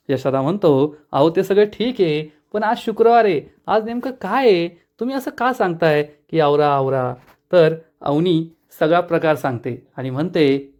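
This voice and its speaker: Guy recapping a tv serial, slightly high voice, jumps into the characters' lines. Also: a little mellow. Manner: switches quickly into voicing each character's lines. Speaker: serial episode recap narrator. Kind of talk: retelling a TV episode, acting out the lines.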